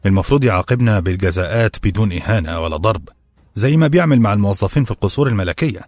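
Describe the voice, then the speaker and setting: A defiant young servant with an Egyptian accent argues with firm, impassioned conviction, as a male narrator voices him. The voice sits low and a little husky, in a dry, close recording with faint music behind. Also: animated, racing, a little mellow, dry recording. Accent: Egyptian Arabic.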